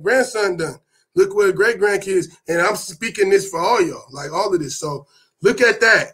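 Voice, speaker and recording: A middle-aged man with an Oakland accent giving a loose, slangy hip hop lecture, with sudden loud bursts. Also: high-pitched. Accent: Oakland, California. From Oakland, California. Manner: loose and conversational, with slang and swearing. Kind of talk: casual lecture.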